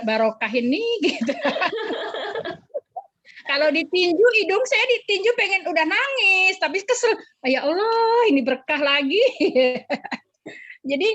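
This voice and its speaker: A woman's voice: a little high, a bit bright, no echo, highs cut off. Emotional woman calling in from her garden. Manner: emotional, with religious exclamations. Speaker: caregiver of special-needs children. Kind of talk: casual live chat. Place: garden, outdoors.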